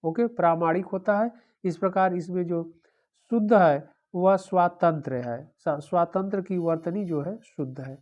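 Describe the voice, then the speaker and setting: A woman's voice: fairly low pitch, normal speed, highs cut off. A woman teaching an exam-prep lesson, going through the answer options one by one and repeating them, with a frequent "okay".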